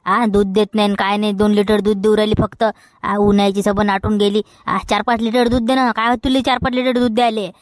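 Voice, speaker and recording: A woman's voice: mid-range voice, level tone, a little fast, no echo, clean studio sound. A woman with a Vidarbha Marathi accent playing a young village man who grumbles and banters in a rural comedy sketch. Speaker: comedy actor.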